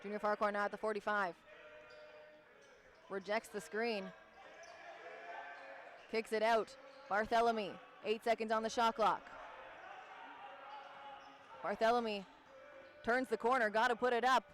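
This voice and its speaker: A man calling live basketball play-by-play, rattling off plays, names and the shot clock at a brisk clip. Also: high-pitched, level tone, a bit bright. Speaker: play-by-play commentator. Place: gym broadcast booth.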